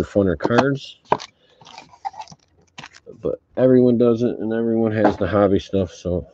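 A man talking through a face mask, giving laid-back, casual running commentary as he hosts a sports card break and swears offhandedly. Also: lowish voice. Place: indoor tabletop card-opening setup. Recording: dull, muffled audio with background noise.

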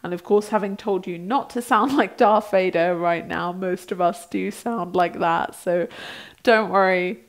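A woman in her thirties working as a breathwork instructor, gently guiding a practice in an unhurried way with pauses between instructions. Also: lowish voice. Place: small bright indoor room, seated on a mat.

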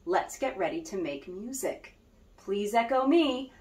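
A woman's voice: medium pitch, animated, a little slow, a little mellow. A woman music teacher leading a children's lesson, cheerful and guiding with call-and-response. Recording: roomy echo.

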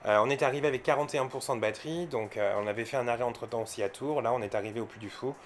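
Talking very fast at a medium pitch, a French man gives informal, unscripted commentary in his electric car vlog, with a few hesitations. There is slight hiss or hum in the recording.

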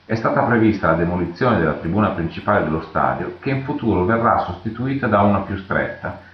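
A man giving a measured, matter-of-fact scripted narration for a technical documentary. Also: deep voice, animated, slight background noise. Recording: echoey, dull lo-fi voice-over.

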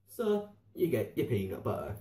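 A man's voice: mid-range voice, huge pitch swings, moderate pace, heavy background noise. Rambling young man in echoey kitchen. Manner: rambling, chatty and self-mocking. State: slightly out of breath. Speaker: vlogger. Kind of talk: casual how-to vlog. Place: home kitchen. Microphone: camera on a tripod.

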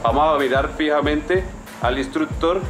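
A Colombian man instructing like a drill sergeant, step by step, with repeated commands and checks. He is recorded outdoors with clear music underneath. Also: fairly high pitch, moderate pace. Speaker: military air assault instructor. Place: outdoors on a training tower. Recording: music behind.

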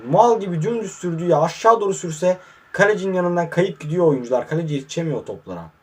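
A husky-voiced man talks through his own football game in a casual, running commentary. His frustrated grumbling keeps boiling over into sharp, excited bursts. He sounds hot and worn, sweating as he plays. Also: sits high, quick pace. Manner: frustrated muttering with sudden excited outbursts. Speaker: mobile football gamer. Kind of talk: casual live gameplay commentary. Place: warm room indoors.

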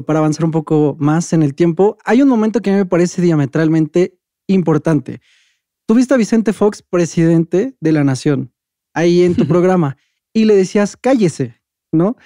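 Mellow, high-voiced podcast host. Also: male voice, normal speed, no echo, studio quality. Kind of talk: casual interview.

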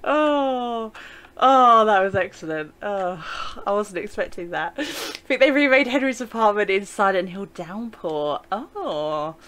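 A woman's voice: mid-range voice, lively intonation, a little slow, a bit bright. A young English woman casually commenting as she plays a video game, chatty and exclamatory, often breaking into laughter. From England. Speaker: gaming channel host. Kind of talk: let's play commentary.

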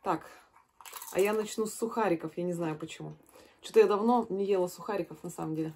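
A woman's voice: on the low side, fast, darkish tone. A woman in her thirties chatting casually as a mukbang host, talking while she crunches chips and snacks. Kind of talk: casual chat while eating. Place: small furnished room at home. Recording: clear background noise and clicks.

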